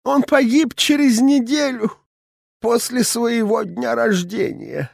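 A man's voice: very high-pitched, fairly even intonation, gravelly, no echo, studio quality, voice pushed up, full character voice. A man voicing a frail, timid elderly woman with a cracked, quavering voice in an audiobook. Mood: wistful. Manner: slow, plaintive, old-fashioned politeness. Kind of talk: audiobook character voice.

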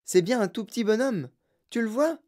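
A woman's voice: mid-range voice, lively intonation, normal speed, mellow, voice pushed up, close to an everyday voice. A woman voicing a kind, eager young boy full of wonder in a storybook reading.

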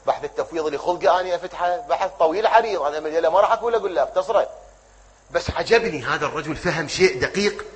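A man with an Iraqi Arabic accent giving a religious lecture. He keeps asking rhetorical questions, answers them himself and builds up to emphatic shouts. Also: on the high side, very fast, rough recording. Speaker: preacher.

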